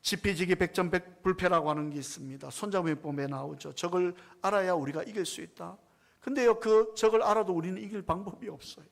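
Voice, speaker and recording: A man's voice: high-pitched, a little fast, creaky. A man preaching a sermon as pastor, emphatic and full of rhetorical questions to the congregation.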